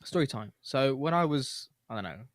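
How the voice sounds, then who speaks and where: A man's voice: mid-range voice, expressive, moderate pace, no echo. Laid-back man, dry close mic. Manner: rambling, laid-back, frequent fillers. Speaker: podcast host. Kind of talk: casual chat, storytelling.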